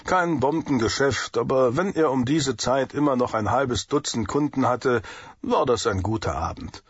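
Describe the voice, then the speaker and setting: A man narrating an audiobook thriller in a steady, measured way, in a dull lo-fi recording. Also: mid-range voice, husky, dry recording. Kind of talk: scripted narration.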